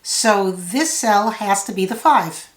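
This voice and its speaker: A woman giving a solve-along tutorial, thinking out loud step by step in a measured way. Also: medium pitch, expressive. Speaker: puzzle tutor. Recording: roomy, echoey sound.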